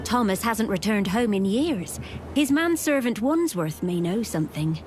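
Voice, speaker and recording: A woman's voice: mid-range voice, lively intonation, normal speed, noisy background. A woman reading scripted narration for an adventure game as a dramatic storyteller.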